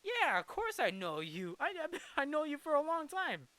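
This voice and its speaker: A man's voice: very high voice, huge pitch swings, moderate pace, bright, forceful tone, no echo, pitched above the performer's own voice, exaggerated voice. A man doing a friendly, easygoing town cop.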